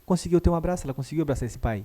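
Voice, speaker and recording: A man, a guest therapist telling a story in a lively way and acting out the dialogue. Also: a little high, racing. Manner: animated, acts out dialogue. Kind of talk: conversational storytelling.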